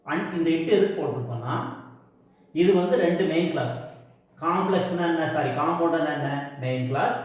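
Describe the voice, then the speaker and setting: A man teaching grammar in a classroom lesson. He explains in Tamil, asks and answers his own questions, and reads English example sentences slowly, word by word. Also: a little high. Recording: very echoey room.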